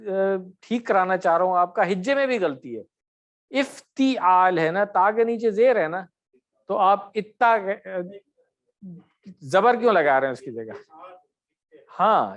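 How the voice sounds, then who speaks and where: A man's voice: high-pitched, expressive. A middle-aged man teaching Arabic grammar in an online class, correcting and quizzing his students by name.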